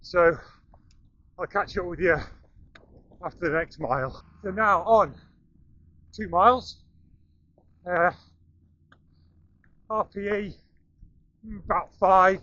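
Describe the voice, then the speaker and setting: A middle-aged man narrates his training run while running, out of breath. His voice is bright and forceful, fairly high, and comes in short phrases. It is captured outdoors on a camera. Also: slow pace, long pauses, no room sound. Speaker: amateur runner filming a training run. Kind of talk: running vlog commentary. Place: outdoors on coastal paths and residential streets. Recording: muffled outdoor camera audio with noise.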